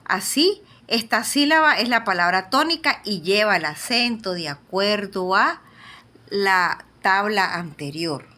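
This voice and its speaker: A woman's voice: medium pitch, lively intonation, unhurried, bright, forceful tone. A woman teacher giving a recorded lecture, explaining step by step in a patient way and often checking in with the listeners.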